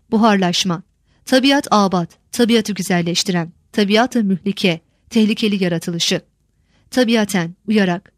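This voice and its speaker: Woman reading a word list, dry. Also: no room sound. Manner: measured, list-like reading, stresses each headword higher. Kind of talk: reading a glossary of old words.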